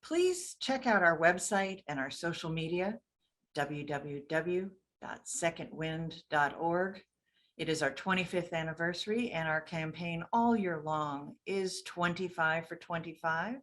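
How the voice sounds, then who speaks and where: A woman host wrapping up an interview and reading a measured promotional sign-off. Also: lowish voice, fairly bright tone.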